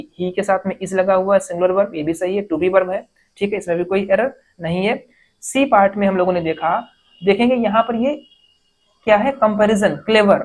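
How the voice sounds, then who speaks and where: A woman teaching an exam-prep grammar lesson, explaining step by step, asking questions and answering them herself, and reading example sentences slowly. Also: medium pitch, a little mellow. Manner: reads English sentences slowly, word by word.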